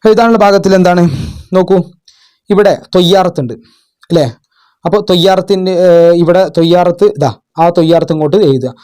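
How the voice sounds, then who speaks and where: A man tutoring children and parents, going through exam questions in a patient way, asking questions and repeating words slowly. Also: high voice, steady tone, warm tone, clear, resonant tone. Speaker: madrasa tutor. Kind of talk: explaining exam answers.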